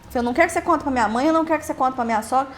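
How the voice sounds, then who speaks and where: A young Brazilian woman telling her own story in a halting way, repeating words and trailing off. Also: sits high. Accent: Brazilian Portuguese. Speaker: podcast host interviewed as guest. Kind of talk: emotional personal testimony.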